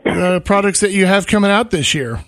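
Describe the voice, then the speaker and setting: Guy hosting a radio show, high voice, dry close studio sound, joking around. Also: brisk, no room sound. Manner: joking, animated, teasing. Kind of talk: casual chat.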